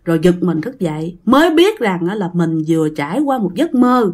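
Her voice sits fairly low but swings widely in pitch at a moderate pace. A woman with a Southern Vietnamese accent, she relates a ghost story conversationally, talking right to her audience.

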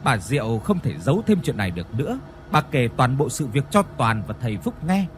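A man narrating a ghost story in an expressive, dramatic way. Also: mid-range voice, brisk, faint music behind.

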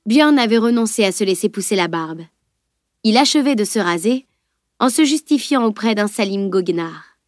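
A woman narrating a novel in a steady, clear reading voice. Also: mid-range voice, moderate pace, no room sound, studio quality. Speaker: audiobook narrator. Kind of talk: audiobook narration.

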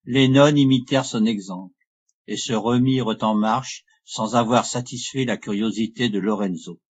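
A man reading a classic novel aloud as an audiobook, in measured, even narration. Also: fairly low pitch, slightly rough. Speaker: audiobook reader. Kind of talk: scripted narration.

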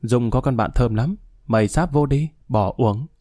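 A cheeky young man, sly and teasing, spoken in a soft mellow voice, as a male storyteller reads him. The recording is dry and close. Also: mid-range voice, normal speed, no room sound, close to an everyday voice. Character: young man, playful and scheming.

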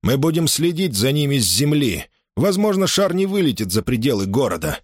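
A man's voice: mid-range voice, very animated, fairly quick, no echo, studio quality, pitched above the performer's own voice. A male narrator voicing a stern police sergeant who gives curt orders in a spoken story. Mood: commanding.

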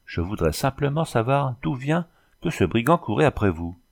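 A man's voice: mid-range voice, sing-song, moderate pace, creaky, voice pushed up. A man reading an audiobook, voicing a talkative former cavalryman who is exclamatory and endlessly apologetic. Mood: puzzled. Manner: chatty, overly polite, exclamatory. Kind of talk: audiobook character voice.

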